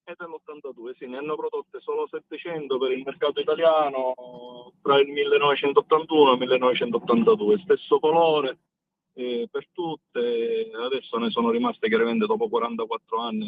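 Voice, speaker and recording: A man calling in on speakerphone while driving, explaining plans in a halting, step-by-step way as an event organizer. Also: medium pitch, no room sound. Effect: on speakerphone over a phone line while driving. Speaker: phone-in guest, event organizer. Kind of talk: casual phone chat on radio. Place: in a car. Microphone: hands-free car speakerphone. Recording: dry, tinny phone line.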